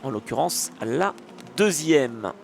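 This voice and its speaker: A man giving live motorsport race commentary in a hesitant, excitable way. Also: mid-range voice, slow. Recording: clear engine and trackside noise behind.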